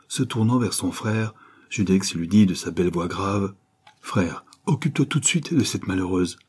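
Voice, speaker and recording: Low dark voice, bit husky, guy reading an old adventure novel slow and dramatic. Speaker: audiobook narrator. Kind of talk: scripted storybook narration.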